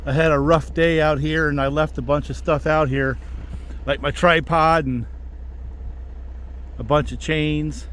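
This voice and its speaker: Male logger vlogger, plain-spoken and folksy, voice a touch higher than average, casual outdoor delivery. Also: fairly even intonation, unhurried, long pauses, a bit bright. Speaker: logger presenting a video about his work. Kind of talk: casual vlog talk. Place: outdoors in winter woods.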